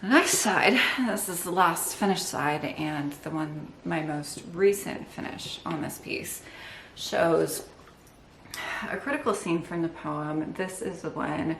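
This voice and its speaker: A woman's voice: low voice, takes it slowly, roomy sound, slight background noise. A woman hosting an embroidery channel, explaining her stitching with enthusiasm and wry asides. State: out of breath from holding a heavy piece. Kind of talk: casual show-and-tell narration. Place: indoor room with windows.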